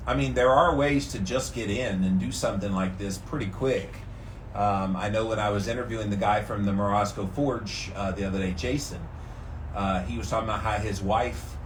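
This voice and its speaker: Male ice-bath vlogger, lower voice, in or just out of freezing water, folksy motivational chat to camera, background machinery noise. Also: poor audio. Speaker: vlogger doing a daily ice bath challenge. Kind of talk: casual motivational talk to camera. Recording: clear background noise, outdoor machinery sounds.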